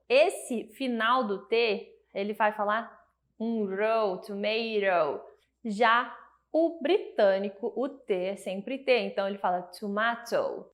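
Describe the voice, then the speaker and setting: A young adult woman with a Brazilian Portuguese accent, teaching a casual online English lesson and explaining with plenty of examples. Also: fairly high pitch. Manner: chatty, explains with lots of examples and filler "né".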